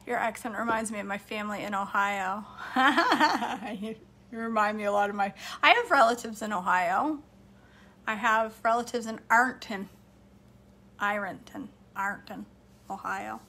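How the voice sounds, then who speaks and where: Her medium-pitched voice is bright and forceful as this woman in her forties from Maine, USA, chats and rambles through viewer comments on a kitchen livestream. She's a home cook and livestream host who laughs quickly. She's recorded on a phone camera at arm's length.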